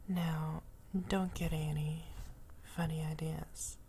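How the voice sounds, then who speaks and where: A woman playing a teasing, caring young woman in an ASMR role-play for ear cleaning ASMR, speaking softly and breathily in a gentle, chatty way. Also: sits low, level tone, slow, noisy background, full character voice. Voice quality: soft, breathy soft voice.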